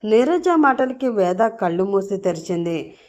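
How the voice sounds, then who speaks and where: Woman storyteller, scripted narration, steady, dramatic, mid-pitched. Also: unhurried.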